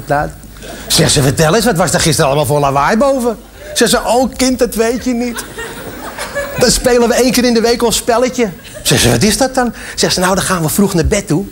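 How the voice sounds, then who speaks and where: A man telling jokes in a lively way, dropping his voice low when he plays an old woman. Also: a little fast, a little hiss or hum. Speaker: joke teller.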